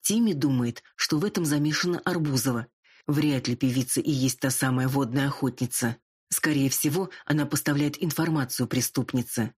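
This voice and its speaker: A woman's voice: very deep voice, moderate pace, darkish tone, breathy edge. A woman reading a first-person audiobook with a wry storytelling manner. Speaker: audiobook narrator.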